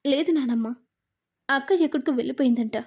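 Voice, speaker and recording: Woman voicing grieving young man, subdued, high voice. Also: a little fast, darkish tone. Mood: sad. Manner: sad and subdued.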